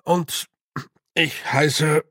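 A man voicing a tiny, tough clan chief of little fairy men who speaks slowly, nervously and deferentially. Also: fairly high pitch, fairly even intonation, a bit bright, no echo, studio quality, heavily acted.

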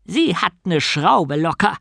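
A man's voice: on the high side, expressive, measured pace, dry recording, clean studio sound, voice pushed up. A man voicing a cheerful old male philosopher with a wry, jovial way of talking in an audiobook.

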